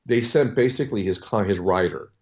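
Speaking at a fairly low pitch with a slightly mellow quality, this middle-aged American audiobook producer rambles through stories as a podcast guest. He's casual but halting, frequently pausing to correct himself.

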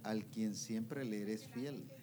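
A man preaching a sermon who reads scripture slowly and keeps asking the audience questions. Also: on the low side, dark tone. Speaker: preacher at a women's discipleship meeting. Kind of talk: sermon with Bible reading.

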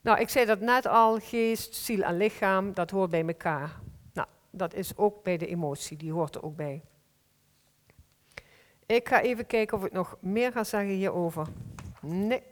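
Earnest woman preaching in a reverberant hall. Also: mid-range voice. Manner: earnest, heartfelt, with slow emphatic stretches. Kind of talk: sermon. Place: church hall.

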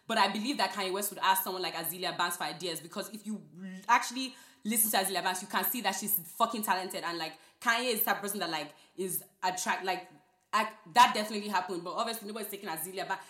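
A young woman from Nigeria co-hosting a podcast, chatting casually, animated and laughing, with lots of "like" fillers. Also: mid-range voice, echoey room. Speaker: podcast co-host. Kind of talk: casual chat.

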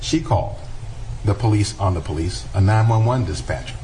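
A man addresses jurors in a courtroom, speaking slowly and deliberately with steady repetition. Faint noise hangs under his voice. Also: fairly low pitch, poor audio. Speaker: prosecutor. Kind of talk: courtroom opening statement.

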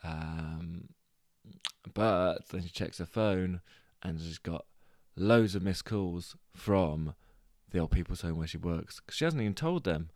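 A British man with a very low, gravelly voice retells a story for his podcast at an unhurried pace. He rambles and hesitates, with frequent fillers and restarts. The sound is dry and close. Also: expressive, a little mellow, no room sound. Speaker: podcast host.

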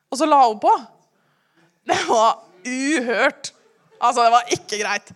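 A young woman giving a personal testimony in church, telling her story earnestly and often dropping to a hushed voice. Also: fairly high pitch.

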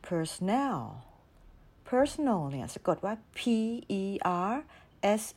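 A woman hosting an English lesson podcast, explaining words patiently and spelling them out slowly letter by letter. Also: a little high, very animated, slightly rough. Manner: polite, patient explaining with frequent soft sentence-ending particles. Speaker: English teacher and podcast host.

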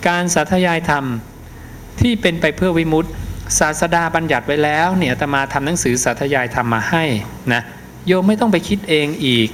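A middle-aged man, a Buddhist monk, gives a dharma teaching in a fairly high voice with emphatic, repeated tags. His points come in steady lists. A faint hiss of noise sits under the recording. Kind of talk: dharma teaching answering questions.

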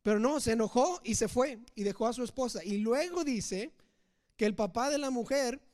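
A man's voice: very high voice, moderate pace, darkish tone. A man teaching from the Bible, telling the story casually and asking rhetorical questions. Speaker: preacher.

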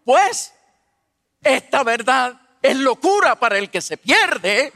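Man, pastor, preaching sermon, humorous, unhurried delivery, dry close voice with a long hall tail. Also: extremely high pitch, vocal fry. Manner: animated, humorous, asks the audience questions. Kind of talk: sermon with personal storytelling.

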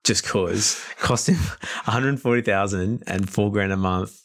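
A man's voice: on the low side, unhurried, a bit bright. A man co-hosting a podcast, chiming in with jokey quips and asides during a casual chat. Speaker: podcast co-host.

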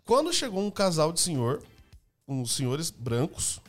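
A young man telling personal stories in a casual podcast chat, lively, laughing, and acting out the people he quotes. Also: fairly high pitch, measured pace, soft background music. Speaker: youtuber and podcast guest.

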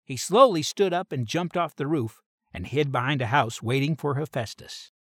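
A man's voice: mid-range voice, lively intonation, moderate pace, dry recording, clean studio sound. A man reading an adventure story aloud in a plain storybook manner.

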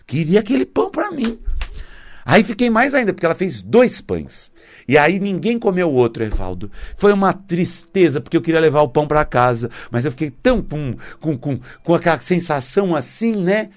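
A man talks casually to his viewers about spiritual energy. His voice sits a little high and leaps around in pitch as he acts out small scenes. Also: big pitch swings, moderate pace. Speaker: spiritual talk presenter.

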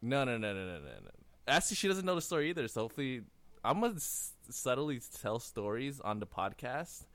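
A man's voice: medium pitch, sing-song, a little fast, fairly bright tone, dry recording. A man in his twenties hosting a casual podcast, telling a story in rambling fashion with lots of fillers and laughs. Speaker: podcast host.

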